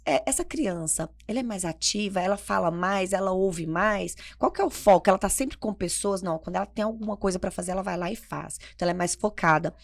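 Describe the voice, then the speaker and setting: Lively woman on a podcast mic, bit of vocal fry, punchy and emphatic. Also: medium pitch, quick pace, hardly any pauses. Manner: energetic, emphatic, explains with everyday examples. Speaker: family behavior consultant and podcast co-host. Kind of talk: conversational podcast talk.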